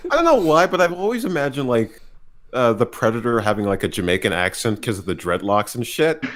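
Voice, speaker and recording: A giggly man hosts a loose podcast chat and often stammers into restarts. His mid-pitched voice moves lively up and down. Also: brisk.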